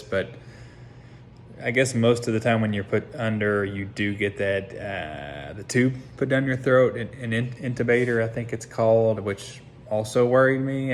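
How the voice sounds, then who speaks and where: An American man recording a casual update as a patient just out of surgery, talking in a subdued, halting, hesitant way as he pieces things together. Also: lowish voice. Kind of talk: casual personal vlog. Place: seated at home, talking to camera. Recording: noticeable background noise.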